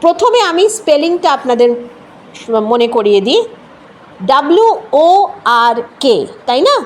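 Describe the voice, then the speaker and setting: High-voiced woman teaching with a Bengali accent. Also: sing-song. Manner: patient, repeats sounds slowly, mixes English into Bengali. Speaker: English teacher. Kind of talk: explanatory lesson.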